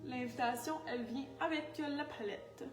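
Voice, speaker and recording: A high-pitched woman with a Quebec French accent chats her way through a makeup tutorial, a little scattered and quick to poke fun at herself. Her voice bounces around an echoey room, with faint music playing underneath. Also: recorded from a distance. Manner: chatty, scattered, self-mocking, talks while working. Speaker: makeup artist. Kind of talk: makeup tutorial, casual talk to camera.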